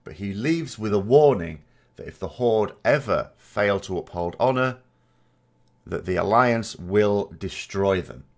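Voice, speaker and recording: A man narrating a video of game lore commentary, explaining things in a measured, emphatic way. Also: lowish voice, lively intonation, vocal fry, darkish tone.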